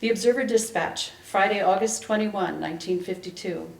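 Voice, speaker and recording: An author reads from her own novel at a live event in an indoor library space, giving a dramatic, measured narration and acting out the dialogue. Her voice is medium in pitch with some vocal fry, and the public event recording has an echoey room sound.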